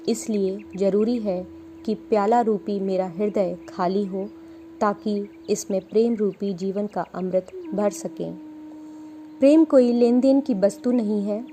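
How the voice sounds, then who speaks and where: A woman reading a spiritual talk as an audiobook, in a measured, reflective way. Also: mid-range voice, dark tone, a little hiss or hum. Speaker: audiobook reader.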